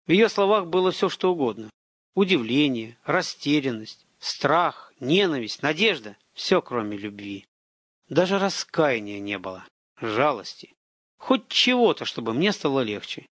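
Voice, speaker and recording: A man's voice: medium pitch, big pitch swings, measured pace, fairly bright tone, no room sound. A man narrating an audiobook in the first person, in a tense, brooding way.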